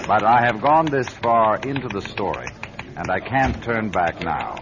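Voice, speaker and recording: In a radio drama heard as a muffled old broadcast with music and background noise, an actor plays a driven male network journalist. With a low-leaning, expressive voice at a slightly slow pace, he narrates his story earnestly and urgently.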